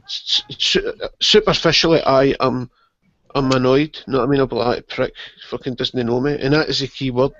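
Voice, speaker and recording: A man's voice: mid-range voice, moderate pace, fairly bright tone, slight background noise. A man in a casual online group chat, chatty, opinionated and swearing. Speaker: guest on the chat. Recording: lo-fi online call audio.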